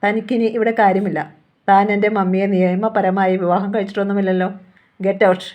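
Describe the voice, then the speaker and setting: A woman's voice: mid-range voice, level tone, moderate pace, dull audio, lightly acted. Woman reading as a defiant young heiress. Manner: accusing, demanding.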